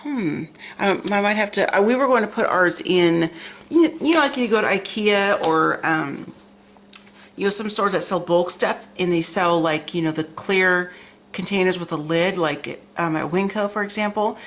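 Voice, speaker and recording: A woman's voice: fairly low pitch, moderate pace, a bit bright, slight background noise. A middle-aged American woman chatting casually and rambling through a craft vlog, gushing, with slightly imprecise, tongue-forward articulation. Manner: rambling, gushing over pictures. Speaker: craft vlogger. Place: at home, indoors.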